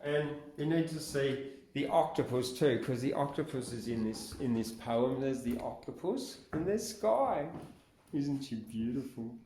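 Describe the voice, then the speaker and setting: Man, open mic poet, slow delivery, hesitant and halting, casual poetry reading, very roomy distant recording. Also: mid-range voice, animated, warm tone, a little hiss or hum. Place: echoey room at an open mic event. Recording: echoey room, distant mic.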